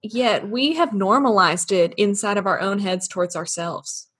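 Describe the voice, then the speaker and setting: Woman, mid-pitched, patient counselor type, measured and explanatory. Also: fairly bright tone, slightly rough. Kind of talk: explaining in casual discussion.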